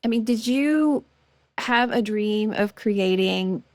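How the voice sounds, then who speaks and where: A woman's voice: mid-range voice, slow, dry recording, clean studio sound. A woman co-hosting a podcast, effusive and chatty, with plenty of fillers as she asks questions. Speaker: podcast co-host. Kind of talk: casual podcast interview.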